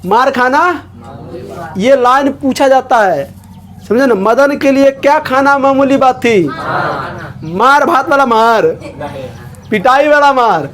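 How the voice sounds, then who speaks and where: A man's voice: very high voice, takes it slowly, pauses often, a bit bright. A man explaining a textbook chapter to students. He repeats lines and keeps asking whether the class has understood. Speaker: teacher.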